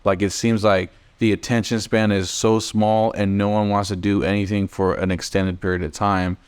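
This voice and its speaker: A man's voice: lowish voice, level tone, normal speed, clear, resonant tone. A man co-hosting a podcast, asking probing questions and often checking in with "right?". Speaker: podcast co-host. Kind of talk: casual podcast interviewing.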